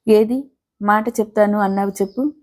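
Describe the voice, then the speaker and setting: A woman voicing a sulky, stubborn young husband who gruffly demands to be told a secret. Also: medium pitch, steady tone, moderate pace, darkish tone, close to an everyday voice. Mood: demanding.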